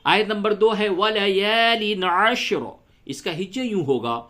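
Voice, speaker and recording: Patient Quran teacher spelling out letters. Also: male voice, high voice, big pitch swings. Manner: explains rules patiently, spells out letters and recites slowly. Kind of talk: tajweed lesson with slow recitation.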